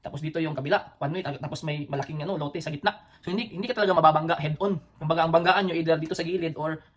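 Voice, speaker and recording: A man's voice: a little high, steady tone, very fast. A man from the Philippines with a Cebuano accent, hosting a casual storytelling vlog. He rambles, with many fillers and restarts, and chuckles between phrases. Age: adult, former soldier with children. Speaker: vlog host.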